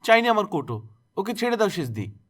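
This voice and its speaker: A man's voice: high voice, very animated, a little fast, fairly bright tone, voice pushed up, full character voice. Man voicing a pleading kindly neighbour woman. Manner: urgent, pleading.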